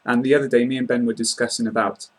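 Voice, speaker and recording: This British English teacher in his twenties talks fast, with a medium pitch and flat delivery. He hosts an informal, casual interview, polite and explanatory in manner, filmed through a laptop webcam in a small room.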